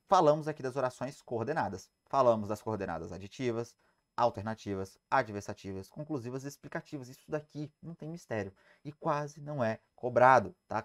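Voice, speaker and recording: A medium-pitched man with a Brazilian Portuguese accent teaches grammar in an online exam-prep lecture. He speaks emphatically, asking questions and then answering them himself.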